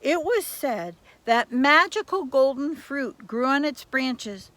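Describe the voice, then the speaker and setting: With a high, expressive, fairly bright voice, this grandmotherly storyteller and primary teacher reads dramatically to children. She stresses words, slows down deliberately, slips into whispers and repeats words for effect, with no echo in the recording.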